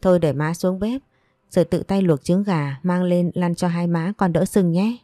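A woman voicing a stern, scheming older mother in a romance story, speaking in a sharp, scolding way. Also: lowish voice, fairly even intonation, moderate pace, dry recording, clean studio sound, close to an everyday voice. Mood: coaxing.

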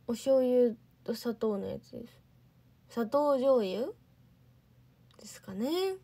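Young female idol streamer, high husky voice, chatty, answers viewer comments. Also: lively intonation, takes it slowly, warm tone. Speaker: idol livestream host. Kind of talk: casual livestream chat reading comments.

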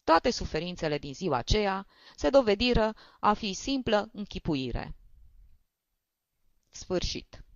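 A woman narrating a short story as an audiobook in an even, measured way. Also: medium pitch, no echo. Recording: dull lo-fi dry recording.

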